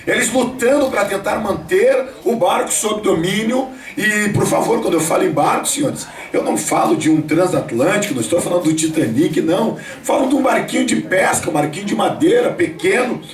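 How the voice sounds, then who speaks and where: A man's voice: high voice, lively intonation, a little fast, few pauses. A man, preaching a sermon at a home worship gathering and speaking directly to his listeners. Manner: storytelling, addresses listeners directly. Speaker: pastor. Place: home, gathering of family and church members. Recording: echoey room, voice from a distance.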